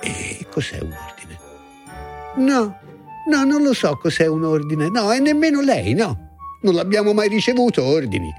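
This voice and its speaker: A man's voice: wildly swooping pitch, normal speed, a little mellow, faint music behind. A man voicing a stubborn, touchy unborn boy in a children's fairy-tale audio play. He grumbles and answers with sarcasm. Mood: stubborn, indignant. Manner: grumbling, sarcastic, with wide swings in pitch.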